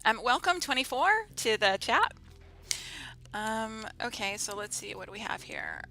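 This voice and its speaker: A woman's voice: a little high, sing-song, measured pace, sharp tone. A woman chatting casually and playfully with viewers as she streams a video game, giggly in manner. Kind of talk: casual livestream game commentary and chat.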